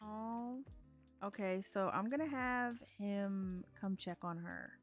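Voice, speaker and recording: Chatty woman streamer, slow talk. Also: medium pitch, faint music behind. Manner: chatty, laughs often, voices characters in asides. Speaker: streamer playing a life-simulation game. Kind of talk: casual let's-play commentary.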